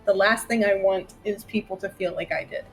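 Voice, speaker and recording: An earnest, quietly scarred male bard in a live tabletop game, voiced by a woman. He speaks at a middle pitch in a plain, matter-of-fact way, with faint music behind. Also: fairly quick, vocal fry, natural voice, rough recording.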